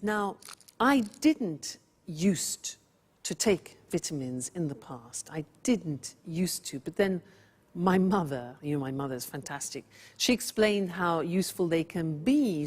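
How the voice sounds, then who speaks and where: A woman from England presenting a scripted English grammar lesson, slowly and clearly walking through examples with props. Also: on the low side, a little mellow, in a large hall. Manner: slow, clear, showing props. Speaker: English teacher.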